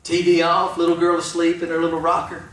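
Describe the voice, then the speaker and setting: A man in his thirties, a pastor preaching his testimony as a story and swinging from hushed, low moments to shouted peaks. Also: completely flat delivery, fast talker. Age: 30s. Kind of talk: testimony sermon. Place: large church sanctuary. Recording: echoey hall, distant mic.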